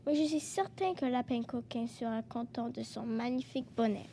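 A woman voicing a small, gentle male hedgehog in a storybook, speaking softly and with worry. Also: a little high, normal speed, faint music behind, pitched below the performer's own voice, close to an everyday voice. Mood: fretful.

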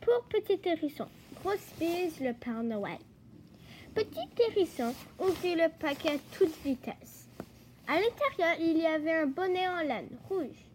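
A woman reading a children's storybook aloud in a gentle, expressive way. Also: extremely high pitch, slight background noise.

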